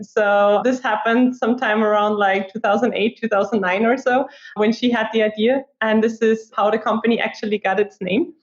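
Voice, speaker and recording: A woman in her twenties from Austria, a guest in a casual interview, chatty and full of "like" fillers. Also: on the high side. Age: 20s. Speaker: guest, product marketer. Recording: echoey room, dull lo-fi sound.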